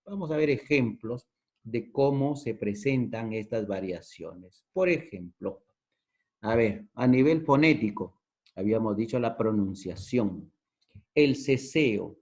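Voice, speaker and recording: Mellow-voiced Peruvian man teaching. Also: fairly low pitch, animated, slow. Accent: Peruvian Spanish. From Peru. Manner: explains step by step, repeats key terms, checks in with the listener. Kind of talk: recorded lesson. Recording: dull lo-fi recording.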